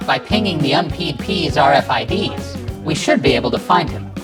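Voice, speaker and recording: A dutiful computer navigator gadget speaks in a formal, robotic manner , voiced by a man. It is matter-of-fact, with loud music behind it in a comedy road show. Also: fairly high pitch, expressive, moderate pace.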